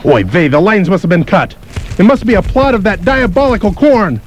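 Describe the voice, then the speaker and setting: An actor playing a frantic, excitable doctor in a comedy radio play, crying out in alarm. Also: male voice, high-pitched, moderate pace.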